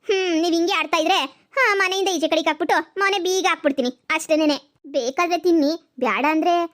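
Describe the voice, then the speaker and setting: Bossy, sharp-tongued young wife in a cartoon comedy, voiced by a woman, high and scolding. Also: brisk. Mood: taunting. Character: defiant sharp-tongued young daughter-in-law.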